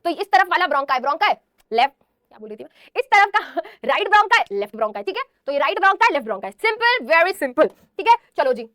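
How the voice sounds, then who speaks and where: A young woman teaching a biology class, warmly addressing students as "beta" and firing off questions she answers herself. Her voice is very high and bright, and she talks at a rapid clip. The sound is dry and close, with no room echo. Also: big pitch swings. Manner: mixes English terms into speech. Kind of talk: classroom lesson explaining to students.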